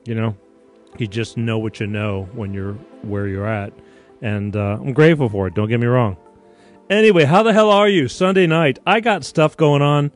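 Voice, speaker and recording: Faint music plays behind this Connecticut man as he hosts a live-streamed talk show at normal speed in a medium-pitched voice. He wanders from point to point, restarting often and swearing casually.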